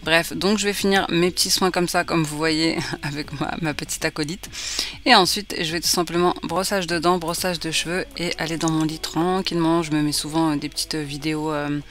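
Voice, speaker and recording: A woman's voice: low voice, steady tone, fairly quick, fairly bright tone. A woman in her thirties talking casually through her evening routine as a vlogger, with many hesitations and fillers. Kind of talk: casual vlog voice-over.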